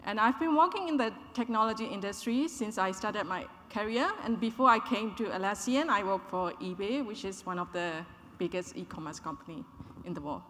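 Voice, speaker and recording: A woman from Burma, in her thirties, giving a measured, clear conference talk to an audience. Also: medium pitch, fairly bright tone, a little hiss or hum. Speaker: conference speaker. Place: conference hall. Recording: hall reverb, conference room.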